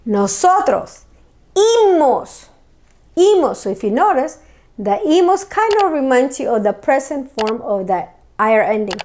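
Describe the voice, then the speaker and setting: Slow, deliberate woman teaching a language. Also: high voice, very animated, a little mellow. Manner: repeats words slowly and clearly for students to follow. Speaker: Spanish teacher.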